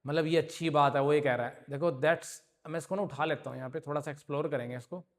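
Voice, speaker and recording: A fast-talking man with a fairly high voice teaches an English grammar lesson to a class, explaining patiently and frequently checking that his students are keeping up. The hall adds a long reverb to the recording.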